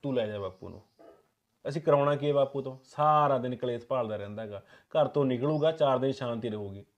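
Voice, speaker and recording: A man's voice: mid-range voice, fast, lo-fi sound, natural voice. A man playing a grumbling, defensive son who gives in when his sister scolds him. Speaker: son, head of the household.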